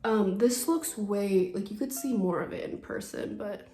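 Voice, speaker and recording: A woman's voice: mid-range voice, moderate pace, dark tone, reverberant. A young woman chatting casually through a makeup tutorial, rambling with self-deprecating asides and a little out of breath, filmed on a phone. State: slightly out of breath. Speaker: beauty vlogger. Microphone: phone camera.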